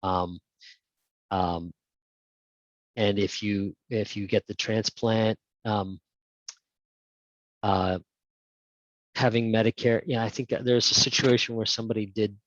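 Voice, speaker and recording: Speaking slowly with long pauses, this man has a fairly low, steady voice and no echo around him. He is an insurance guest speaker answering questions in an informal webinar, full of ums and false starts, heard over a video call in muffled lo-fi sound.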